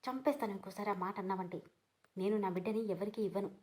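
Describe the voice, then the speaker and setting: Woman doing a hot-tempered young mom in a storybook reading, sharp and indignant. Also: medium pitch, quick pace, natural voice, rough recording. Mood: angry. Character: young mother, proud and quick-tempered.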